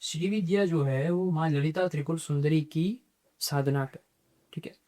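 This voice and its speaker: A man speaks as a podcast guest, explaining spiritual practice in a measured, teacherly way. His voice sits a little high for a man. He drops English terms into his talk as he goes. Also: warm tone.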